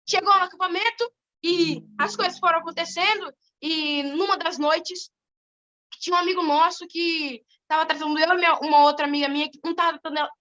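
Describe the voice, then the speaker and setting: Bright, high-voiced teenage girl testifying. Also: highs cut off. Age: teens. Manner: animated, fast-moving storytelling. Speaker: testimony giver. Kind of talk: church testimony.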